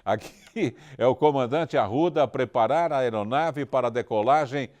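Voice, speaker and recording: A man's voice: mid-range voice, moderate pace, close to an everyday voice. A man playing a jovial airplane captain. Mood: playful. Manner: playful, announcing loudly. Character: jovial male airplane captain addressing his crew. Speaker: TV talk show host.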